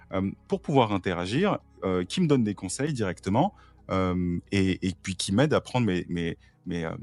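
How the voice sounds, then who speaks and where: A man's voice: low-pitched, a little mellow. A man talking in a casual podcast conversation, eagerly explaining with frequent fillers and restarts. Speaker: podcast guest, AI trainer.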